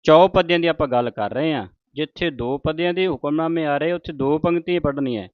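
A man with a smooth, resonant voice speaks very slowly and carefully, chanting verses and then explaining each pause. The sound is dry and close, a little dull and muffled. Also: a little high, dry recording. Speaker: Gurbani teacher. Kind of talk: recitation lesson.

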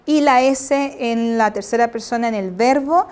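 A Chilean woman with a slightly high, slightly slow, mellow voice teaches an English lesson from slides, her tone clear and resonant. She patiently checks that students understand and spells out examples before translating them.

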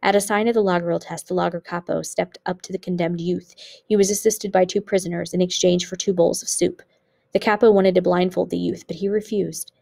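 A woman teacher narrating an audiobook in a steady, measured reading voice. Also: lowish voice, creaky. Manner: steady, measured reading with occasional small slips.

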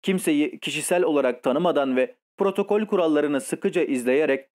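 A man narrating a classic short story as an audiobook in a steady, literary storytelling manner. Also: a little high, moderate pace. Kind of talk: scripted narration.

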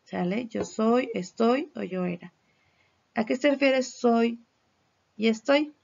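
A woman's voice: a little high, takes it slowly, gravelly, a little mellow, dull audio. A woman from Mexico with a Mexican accent, teaching English in a recorded lesson, explaining patiently in Spanish and modeling English words for her students to repeat. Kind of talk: recorded classroom lesson on slides.

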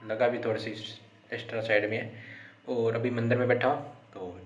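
A man's voice: medium pitch, little pitch movement, fairly quick. A man, rambling casually to camera in a daily vlog, often starting his lines with "to". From India. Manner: chatty, repetitive, starts lines with "to". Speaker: vlogger. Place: outdoors by a house, then inside a small temple. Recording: dull lo-fi phone audio, faint background noise.

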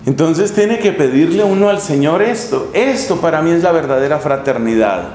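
Middle-aged friar, high voice, sermon in an echoey room with faint hum. Lively storyteller. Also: male voice, moderate pace. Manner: lively storytelling, acts out scenes with humor. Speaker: friar preacher. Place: chapel in a monastery.

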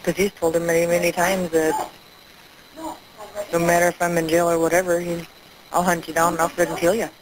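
A woman speaks bluntly over the phone, swearing as she talks. Her voice sits low and stays flat and even. The call recording is noisy. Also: fairly quick, long pauses. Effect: heard over the phone.

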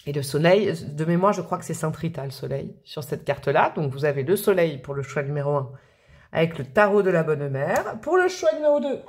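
Woman, tarot reader, lowish voice, chatty and rambling to camera. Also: a little fast, a little mellow. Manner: chatty, rambling, with fillers and laughs.

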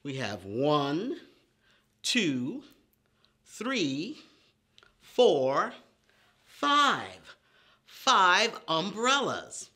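Speaking extremely slowly with long pauses, this middle-aged storytime host uses a high-leaning, bright, forceful voice whose pitch swoops wildly. He leads a preschool lesson of chants and counting rhymes, keeping his phrasing exaggerated, simple, and repetitive, in an indoor room with a painted paper backdrop.

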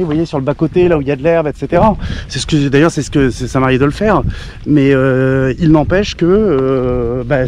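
A man's voice: fairly high pitch, darkish tone, slight background noise. Rambling young man vlogging outdoors. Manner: rambling with many fillers and restarts, swears casually. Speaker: pilgrim vlogger. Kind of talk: casual walking vlog to camera. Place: outdoors on country roads and village streets.

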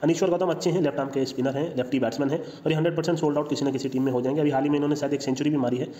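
Fast, opinionated man in an echoey room. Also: a little high, steady tone, warm tone, slight background noise. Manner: opinionated, confident predictions; mixes in English phrases. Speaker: cricket analyst. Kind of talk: casual commentary over slides. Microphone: voice-over, no speaker seen. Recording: echoey, dull lo-fi room sound.

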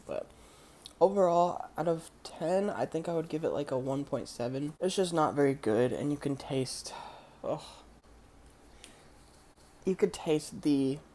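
A young man in his twenties doing a dry, deadpan comedy food review into a close-held phone camera indoors. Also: mid-range voice. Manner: dry, deadpan, crude humor. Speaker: comedy vlogger. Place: small indoor laundromat by a window.

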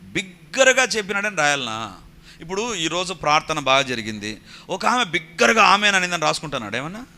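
A male pastor preaching a sermon, moving between quiet storytelling and loud exhortation, with English phrases dropped into his talk. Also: on the high side, big pitch swings, a little fast.

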